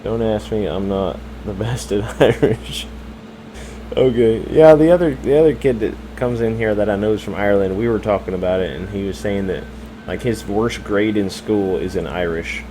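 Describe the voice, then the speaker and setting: A man's voice: on the low side, steady tone, brisk, noisy background. A young American man chatting casually on a live game stream, rambling and hesitant with many fillers and self-corrections. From United States.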